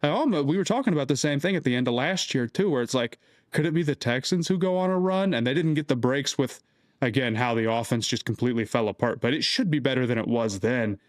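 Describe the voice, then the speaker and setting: A man's voice: medium pitch, quick pace, dry recording, clean studio sound. A man co-hosting a casual sports podcast, making his case point by point. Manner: reasoned, point-by-point arguing. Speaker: podcast co-host.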